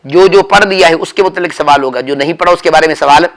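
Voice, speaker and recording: A man with a slightly high, somewhat bright voice who talks fast. He's drilling a grammar class, quizzing students, calling on them by name, and correcting them firmly and repeatedly.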